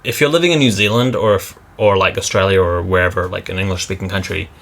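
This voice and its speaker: Bright-voiced man chatting casually. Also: low-pitched, quick pace, vocal fry. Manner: animated, laughs while ranting. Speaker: vlog co-host. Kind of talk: casual chat. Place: walking outdoors by a river.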